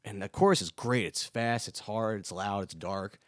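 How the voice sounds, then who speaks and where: A man co-hosting a casual music podcast, reviewing songs with lots of excited outbursts. His voice sits low, and the sound is dry with no room around it. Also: normal speed, no room sound. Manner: excitable, given to exclamations of disbelief. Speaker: podcast co-host.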